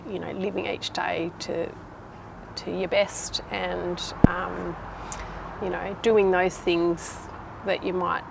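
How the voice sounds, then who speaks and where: A woman's voice: on the low side, little pitch movement, slow pace, creaky. A woman in her thirties with a Tasmanian Australian accent, answering interview questions in a casual, conversational way as a nurse manager. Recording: noticeable background noise.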